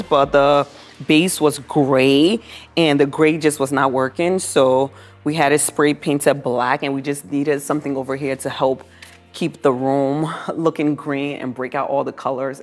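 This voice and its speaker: A woman's voice: low voice, steady tone, measured pace. A woman giving a casual home makeover tour to viewers, gushing admiringly about the decor as she goes. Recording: music behind the voice. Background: background music.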